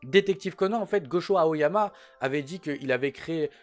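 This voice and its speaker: A man's voice: on the high side, normal speed. A man casually reviewing an anime episode in slangy talk, speaking straight to the viewer.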